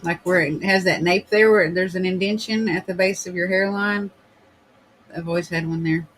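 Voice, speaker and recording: Man, podcast host, casual chat, higher pitch, rambling, filler words, faint background noise. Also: steady tone, normal speed, fairly bright tone, rough recording. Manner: rambling, filler-heavy, frequent throat clearing. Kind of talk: casual chat, reading viewer comments.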